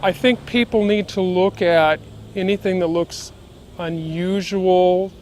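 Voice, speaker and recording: A woman police detective speaking in a measured, explanatory way, her voice electronically disguised and pitched down. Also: fairly even intonation, darkish tone, a little hiss or hum. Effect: voice disguised, electronically lowered. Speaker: undercover terrorism detective. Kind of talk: interview soundbites.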